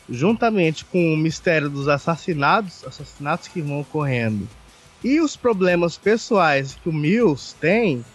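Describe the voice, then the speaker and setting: Higher-pitched man explaining a film plot. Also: breathy edge. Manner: halting, explanatory, restarts often. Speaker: podcast co-host. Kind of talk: casual film discussion.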